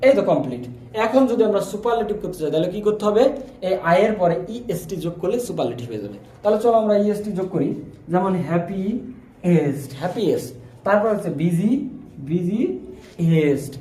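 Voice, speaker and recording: A man's voice: high-pitched, sing-song, fast, dark tone, reverberant. A man teaching an English grammar lesson, asking questions and answering them himself, repeating key words as he goes. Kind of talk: recorded classroom-style lesson.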